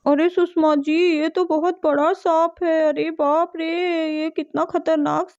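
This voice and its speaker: A woman voicing a calm, protective father in a doll story, speaking firmly and reassuringly. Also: very high voice, unhurried, dry recording. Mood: steady, reassuring. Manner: reassuring, firm with the snake. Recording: dull dry home recording.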